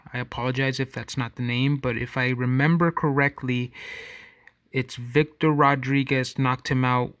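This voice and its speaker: A man talks slowly into a close mic, picking his way through his thoughts on his own podcast. He wanders and corrects himself in a loose, conversational way, and the sound is dry with no room around it. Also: medium pitch, fairly bright tone, dry recording. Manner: rambling, self-correcting, conversational. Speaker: podcast host. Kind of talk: casual solo commentary.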